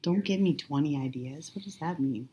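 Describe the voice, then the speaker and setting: A woman chatting casually while watching a movie, joking and trading quick asides. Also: low-pitched, dark tone, a little hiss or hum. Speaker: movie commentator.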